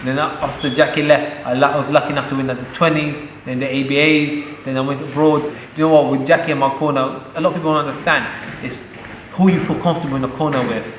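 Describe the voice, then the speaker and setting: This young pro boxer, born in Saudi Arabia, talks quickly in a steady, mid-range voice during a pre-fight interview. He comes across earnest and proud, slipping in a joke now and then. The gym setting is echoey and full of loud background noise.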